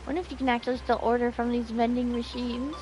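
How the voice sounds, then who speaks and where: A woman's voice: on the high side, flat delivery, fast talker, over music. A woman streamer chatting casually while playing, reacting and reading chat aloud. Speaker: game streamer. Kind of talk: casual let's-play commentary.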